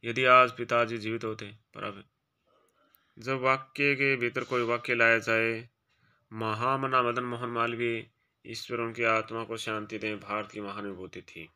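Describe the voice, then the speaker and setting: Reading quiz options aloud one by one, this grammar teacher follows each with a short, quieter, lower aside saying whether it's right or wrong, all for exam preparation. He speaks unhurriedly, with a clean tone and little pitch movement.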